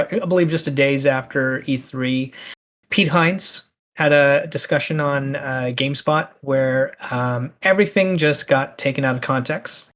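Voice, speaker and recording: Ranting male podcast host. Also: medium pitch. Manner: animated, ranting. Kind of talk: casual podcast chat.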